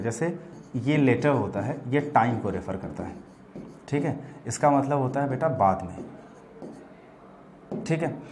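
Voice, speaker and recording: Guy teaching english words in hindi, keeps saying theek hai, drags out the examples slow. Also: medium pitch, darkish tone, a little hiss or hum. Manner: addresses students as bachelors "bachche", repeats "theek hai" often; stretches out words and example sentences slowly. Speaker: vocabulary teacher. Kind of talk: classroom vocabulary lesson.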